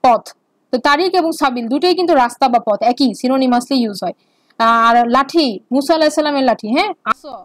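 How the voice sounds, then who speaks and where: A woman's voice: high voice, fast, no room sound. A woman teaching basic Arabic grammar in an online lecture, explaining patiently and repeating words. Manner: explains patiently with repetition and fillers.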